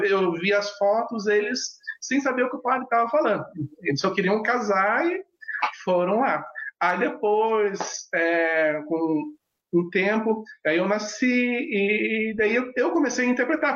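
A Brazilian pastor and sign language interpreter, whose first language is Brazilian Sign Language, tells personal stories in an interview. His voice is high, expressive and fairly bright, at a moderate pace, but he is hesitant with many fillers and restarts. The recording is echoey, muffled and dull lo-fi.

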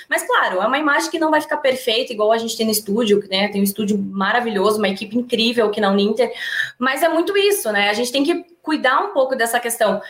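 Professora brasileira animada, voz aguda. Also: female voice, high voice, echoey room. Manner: animated, tag questions, acts out quoted speech. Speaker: university professor. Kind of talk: lively class discussion.

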